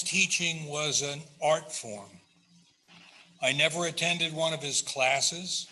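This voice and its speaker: An older man delivers a prepared eulogy in a measured, earnest and tender way, phrase by phrase. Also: on the high side, pushed and bright, rough recording.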